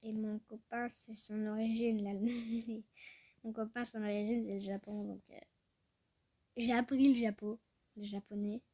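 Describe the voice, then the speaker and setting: A young woman chatting casually as a vlogger, trailing off often, giggling, and sounding out foreign words haltingly. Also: on the high side, level tone, mellow. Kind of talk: casual screen-recorded chat.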